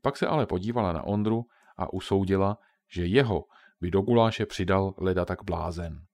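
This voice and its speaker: A man narrating a children's adventure audiobook in a calm, even storytelling manner. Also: low voice.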